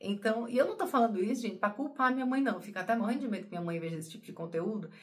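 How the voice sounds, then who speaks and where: A woman's voice: medium pitch, lively intonation, racing. Emotional, rambling woman talking to viewers. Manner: rambling, emotional, repeats words, addresses viewers as "gente". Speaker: spiritual channel host. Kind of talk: personal confessional monologue.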